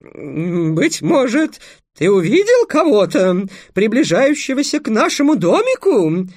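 A man voicing a gangly young man who fakes a girl's voice in a breaking falsetto, exclaiming melodramatically. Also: wildly swooping pitch, unhurried, darkish tone, no room sound, clean studio sound, full character voice. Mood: melodramatic.

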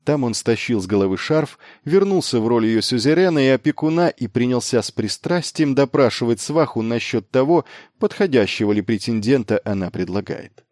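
Brief: steady male audiobook reader, mid pitch, dry booth sound. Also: moderate pace, no echo. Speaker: audiobook narrator. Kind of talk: scripted narration.

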